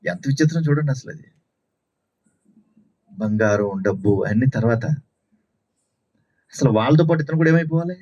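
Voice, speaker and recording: A man's voice: mid-range voice, normal speed, pauses often, darkish tone. A man preaching a sermon at a Sunday house meeting, telling stories and asking rhetorical questions with lots of repetition. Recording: dull lo-fi recording.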